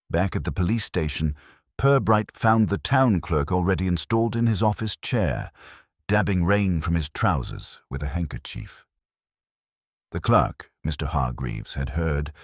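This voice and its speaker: A male narrator reads a scripted, audiobook-style story in an extremely low voice with lively rises and falls. He sounds measured and formal with a dry wit, and the recording is close and dry.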